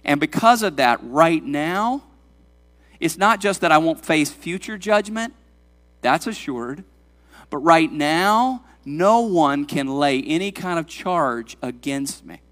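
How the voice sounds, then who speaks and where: A man in his late forties preaches with a high, lively voice, driving his points home with questions to the congregation. His words ring out with a long reverb through a church sanctuary. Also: slow. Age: 40s. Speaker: pastor. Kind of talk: sermon.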